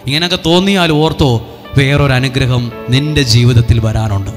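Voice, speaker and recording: A priest leading a revival sermon, coaxing the crowd with repeated call-and-response lines. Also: male voice, mid-range voice, moderate pace, long reverb tail, soft background music. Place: retreat centre hall.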